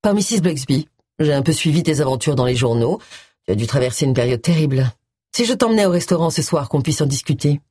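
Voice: mid-range voice, expressive, fairly quick, darkish tone, slightly rough, no room sound. A reader voicing James, a self-assured retired male army colonel, in an audiobook, speaking in a confident, inviting way.

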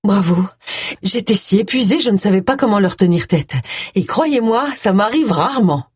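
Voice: mid-range voice, expressive, normal speed, a little mellow, a little hiss or hum, voice pushed up, lightly acted. A reader voicing a brusque, weary middle-aged woman. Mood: relieved. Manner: snappish, exasperated.

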